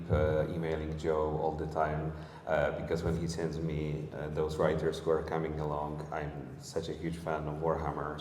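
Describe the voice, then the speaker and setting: A man with a very deep voice hosts a convention panel, friendly and halting. The sound is roomy with a long reverb, and faint noise from the hall sits underneath. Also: a little mellow. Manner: friendly, halting, many uh fillers. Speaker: presenter hosting the panel. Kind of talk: convention stage presentation.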